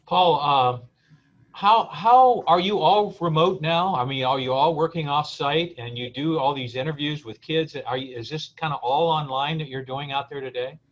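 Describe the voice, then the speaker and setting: A man's voice: on the high side, normal speed. A man hosting a casual live-stream interview in an informal, rambling, earnest way. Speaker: event host interviewing guests. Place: remote live video stream. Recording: dull, lo-fi call audio.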